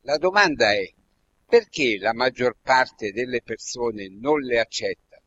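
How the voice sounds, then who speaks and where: A man's voice: medium pitch, expressive, unhurried, pushed and bright, muffled recording. A man in the audience putting a question to the speaker at a public talk. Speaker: audience member asking a question.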